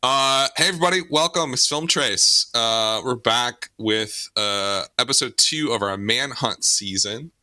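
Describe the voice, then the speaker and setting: A man hosting a casual film podcast, talking loosely with lots of fillers and quick asides. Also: medium pitch, pushed and bright, dry recording. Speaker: podcast host.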